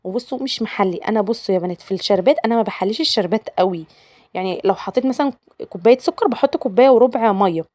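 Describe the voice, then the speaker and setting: A woman's voice: mid-range voice, darkish tone. A young woman with an Egyptian accent, chatting casually to her viewers as she shows her cooking and coaxes them to like the video. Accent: Egyptian Arabic. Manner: chatty, coaxing, addresses viewers as girls. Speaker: cooking channel host.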